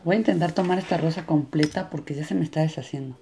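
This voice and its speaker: A woman's voice: low voice, fast, warm tone, a little hiss or hum. A woman hosting a casual hands-on demonstration aimed at children. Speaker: host of a children's toy and slime channel.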